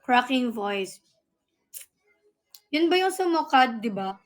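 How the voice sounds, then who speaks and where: Filipino woman livestream host, giggly, halting English, high-pitched. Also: sing-song, soft background music. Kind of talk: casual live-stream chat.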